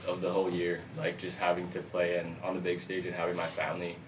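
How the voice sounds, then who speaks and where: Laid-back male guest DJ with a very low voice, heard from a distance over faint background noise. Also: monotone, fast, reverberant. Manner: laid-back, loose slang-filled talk. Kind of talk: casual podcast chat.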